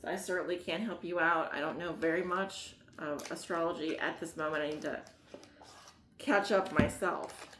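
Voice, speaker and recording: A woman's voice: deep voice, fairly even intonation, normal speed, echoey room, background noise. A woman with a Mid-Atlantic Maryland accent doing a casual tarot reading, rambling with lots of fillers and laughing at herself. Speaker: tarot reader.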